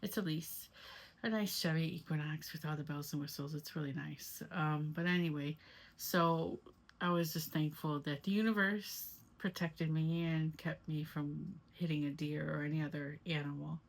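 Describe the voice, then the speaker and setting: A woman's voice: low voice, fairly even intonation, moderate pace, vocal fry. A woman giving a casual, rambling first-person recap as an amateur paranormal investigator vlogger. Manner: rambling, conversational.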